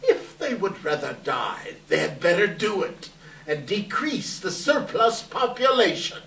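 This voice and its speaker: Far from the mic in an echoey room, a man acts out a cold old miser in a readers theater piece. He drags his words slowly, curt and sneering, with grumbling contempt and wide swings of pitch. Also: very animated, gravelly, a bit bright, a little hiss or hum, heavily acted. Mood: cold, scornful. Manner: curt, sneering, drawn-out delivery. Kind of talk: readers theater stage reading. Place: live indoor readers theater event.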